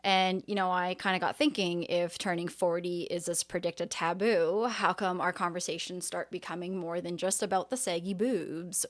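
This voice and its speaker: Woman, forties, mid-pitched voice, podcast host, casual and conversational. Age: 40s.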